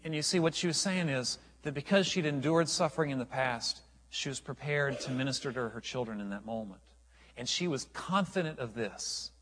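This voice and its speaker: A man's voice: mid-range voice, fairly bright tone, long reverb tail. A man preaching a sermon as a pastor, earnest and emphatic, often restarting his phrases.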